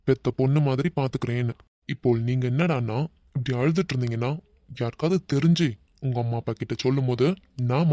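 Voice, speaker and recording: Someone doing a chill teasing young guy for a cartoon, kanyakumari tamil, soft coaxing voice, mid pitch, dry. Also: no room sound, close to an everyday voice. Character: young man, easygoing and teasing. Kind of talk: cartoon voice acting.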